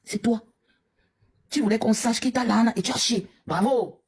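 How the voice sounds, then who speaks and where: Woman streamer, very husky mellow voice, confrontational live rant. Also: fairly high pitch, normal speed. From Cameroon. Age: young adult to middle-aged, a mother. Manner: scolding, confrontational, addresses a rival directly.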